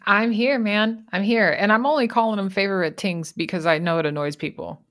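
A woman's voice: medium pitch, fairly quick, a bit bright. A woman podcast guest in casual chat, frank and playful as she runs through favorite products.

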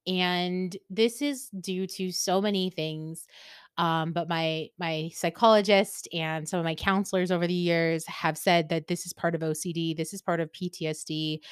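A woman's voice: lowish voice, smooth, dry recording, studio quality. A woman hosting a casual solo podcast, talking candidly about herself, swearing freely and laughing often. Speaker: podcast host.

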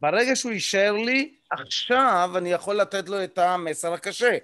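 A man teaching a live group about communication, explaining step by step, checking in with listeners often and pausing on hesitation fillers. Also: high-pitched, sharp tone, dry recording. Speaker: communication coach leading a workshop.

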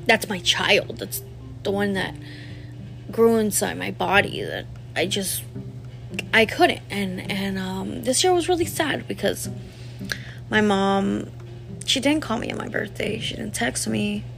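A woman vlogger in her thirties, her mid-range voice slightly slow, bright and full of vocal fry, shares a personal story over soft background music. Her telling is candid and meandering, packed with "like" fillers and aimed straight at her viewers.

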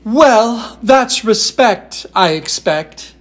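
A man's voice: high-pitched, lively intonation, very slow, a bit bright, pitched above the performer's own voice, heavily acted. A man doing a saucy cracked china clown. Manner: cheeky, teasing, laughing.

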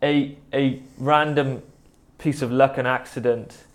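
A man's voice: mid-range voice, steady tone, takes it slowly. Welsh Valleys man, rambling casual storyteller. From South Wales Valleys. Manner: rambling, self-deprecating. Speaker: musician and producer in a band, interview guest. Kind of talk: casual conversational anecdote.

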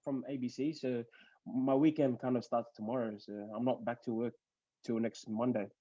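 A man's voice: medium pitch, level tone, normal speed, warm tone, highs cut off. A young man from Fiji, a podcast guest, chatting casually in a laid-back, rambling way with lots of fillers. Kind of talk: casual chat.

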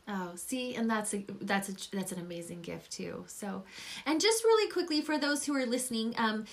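A middle-aged woman hosting a conversational faith-based interview, encouraging and effusive, rambling gently as she goes. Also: fairly high pitch, expressive, normal speed, vocal fry. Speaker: podcast host and program coach.

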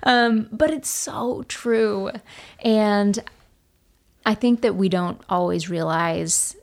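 A woman guest on a podcast, talking earnestly and quick to agree. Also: mid-range voice, gravelly. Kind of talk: casual chat.

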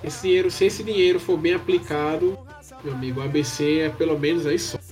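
A man's voice: fairly high pitch, fairly quick, darkish tone, faint music behind. A man with a Brazilian accent hosting a casual football chat in colloquial speech. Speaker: football podcast host.

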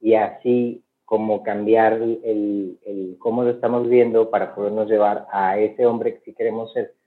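A man's voice: lowish voice, flat delivery, normal speed, phone-quality sound. A man from Monterrey, Mexico, with a northern Mexican accent, answering as a guest activist, friendly and thoughtful. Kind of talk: interview answers.

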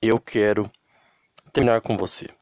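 An offhand young man dodging commitment, read by a Brazilian man. A lowish voice in a dry, close recording. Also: fairly even intonation, moderate pace, darkish tone, dry recording, natural voice.

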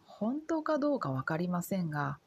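A woman from Japan, a Japanese teacher, giving a slow scripted lesson in careful, simple sentences for learners. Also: fairly low pitch, sing-song, husky.

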